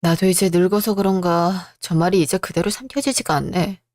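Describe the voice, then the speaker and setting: A woman's voice: fairly low pitch, normal speed, darkish tone, dry recording, natural voice. Woman doing a bitter younger son, blunt and tired, dry close read. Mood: weary. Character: resentful younger son, hardworking man.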